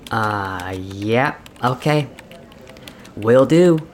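A man plays a bewildered office worker, stammering and giving awkward agreement in a very slow drawl. Faint keyboard typing and room noise play behind him. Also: mid-range voice, lively intonation. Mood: baffled. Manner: awkward, stammering, laughing along. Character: baffled male coworker humoring a colleague.

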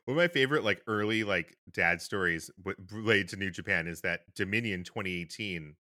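A man's voice: low voice, brisk, bright, forceful tone, no room sound, clean studio sound. A man co-hosting a podcast in casual chat, rambling with fillers and restarts. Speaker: podcast co-host.

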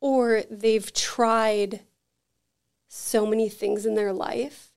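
Speaking extremely slowly in a fairly high, creaky voice with a clean tone, she guests on a podcast and recounts lively anecdotes. She runs an energy healing center, and her casual, chatty talk is full of "like."

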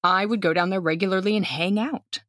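An outgoing American teacher in her thirties, appearing as a guest, tells a story in casual conversation and animatedly acts out the quoted lines of the people in it. Her mid-range voice is brisk, recorded at studio quality with no room sound.

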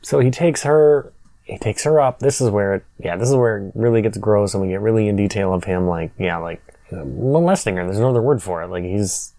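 This is a man co-hosting a casual movie podcast. He recaps scenes with a wry edge and laughs often. His voice is low and mellow, and the sound is dry and close. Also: brisk, no room sound. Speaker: podcast co-host. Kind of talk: casual movie review chat.

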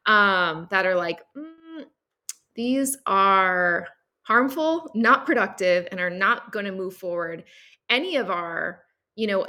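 Woman with a bright, crisp voice, thinking out loud, lots of um and like. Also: fairly low pitch. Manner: reflective, heavy use of fillers. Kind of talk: casual conversation.

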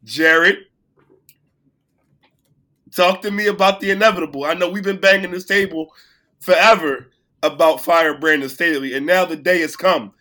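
Male podcast co-host with a sick, cracking voice; bright, high-ish tone, loud when excited. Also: moderate pace, pauses often. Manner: playful, boastful, gets loud when excited. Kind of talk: casual sports chat.

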